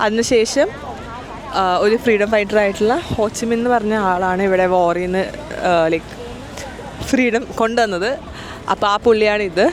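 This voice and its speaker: A Malayali travel vlogger chats casually with viewers, switching between Malayalam and English as he narrates from busy city streets and a cafe. His mid-range voice is steady and at normal speed, with noisy city traffic in the background.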